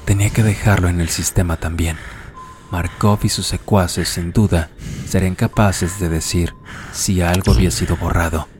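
A man narrating a story in a steady, measured scripted way. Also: sits low, a little hiss or hum. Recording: music playing underneath. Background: music.

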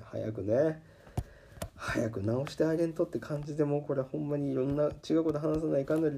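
A man with a Kansai accent hosting a podcast, telling a story in a casual, animated way and acting out the people he quotes. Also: medium pitch. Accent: Kansai Japanese. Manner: animated, acts out quoted voices. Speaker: podcast host. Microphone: podcast microphone.

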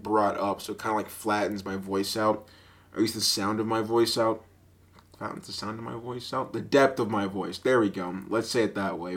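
A young adult podcast host with a deep voice runs a casual show by himself, telling rambling, animated stories full of fillers and laughter. He records into a budget mic with a sock acting as a pop filter.

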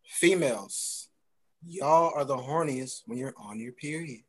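A man's voice: medium pitch, a little slow. A man in his twenties co-hosting a podcast, teasing the others in a casual, slangy way. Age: 20s. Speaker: podcast co-host. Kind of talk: casual chat.

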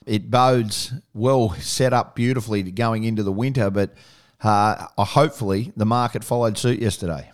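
A man's voice: on the low side, brisk. A man with an Australian accent hosting a casual rural radio interview. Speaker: radio host.

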